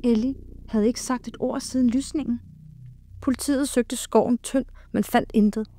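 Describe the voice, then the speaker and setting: Woman narrating a horror story, higher voice. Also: steady tone. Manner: slow, hushed and dramatic, with sudden shouted lines.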